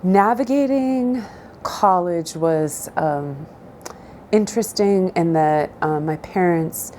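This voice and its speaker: A middle-aged woman from southern Idaho, whose first language is Spanish, answers interview questions in a measured, thoughtful manner with frequent pauses. Her voice is on the low side with a dark tone, and there is slight background noise.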